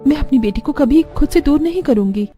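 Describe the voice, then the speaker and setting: A gentle cartoon village mother, voiced by a woman, soft and tender, cooing with a lively, rising voice. Faint music plays behind her. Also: high-pitched, fairly quick, dull audio. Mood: dismayed.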